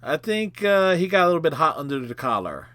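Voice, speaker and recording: A man's voice: a little high, big pitch swings, fairly quick, heavy background noise. A man giving joking, sarcastic commentary over a video game. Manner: wisecracking, sarcastic. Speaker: let's play commentator.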